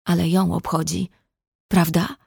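A wounded young red-haired woman, as a woman narrator reads her, throws tearful, cutting accusations. The voice sits fairly low. It is recorded dry, close and without room sound. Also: flat delivery, measured pace, vocal fry, darkish tone, husky, no echo, full character voice. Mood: accusing.

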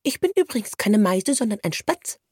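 A woman's voice: mid-range voice, sing-song, normal speed, a little mellow, slightly rough, dry recording, pitched above the performer's own voice. A woman voicing a small male sparrow who lectures in a superior tone, recorded dry and close. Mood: lecturing. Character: know-it-all little male sparrow.

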